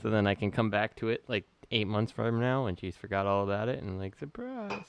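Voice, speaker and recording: A man co-hosting a casual podcast, speaking in a dry, deadpan way. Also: fairly low pitch, fast talker, highs cut off, slight background noise. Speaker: podcast co-host. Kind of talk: casual chat.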